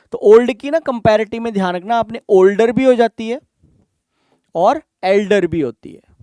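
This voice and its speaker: Male tutor with an Indian accent, high and smooth voice, dry close sound, patient step-by-step explainer. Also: darkish tone, no room sound. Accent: Indian English. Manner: explains patiently, asks rhetorical checks. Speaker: teacher. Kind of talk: exam-prep grammar lesson.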